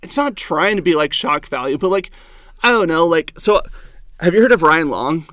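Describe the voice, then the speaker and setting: A man talks about his comedy sets in a loose, rambling way, leaning on "like" and "um" between thoughts. His voice sits a little high and swings widely in pitch. The sound is dry, with no room echo. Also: lively intonation, moderate pace, a bit bright. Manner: rambling, heavy use of "like" and "um". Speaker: stand-up comedian guest. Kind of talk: casual storytelling chat.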